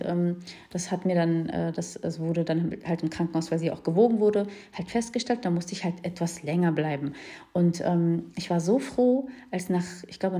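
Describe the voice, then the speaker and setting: A young woman, a new mother, frankly tells her viewers about her birth experience, pausing often with fillers. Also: on the low side, mellow. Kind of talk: casual personal account to viewers.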